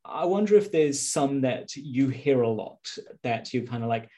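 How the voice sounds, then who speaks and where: Mellow-voiced New podcast host. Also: male voice, medium pitch, animated, moderate pace. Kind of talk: casual interview.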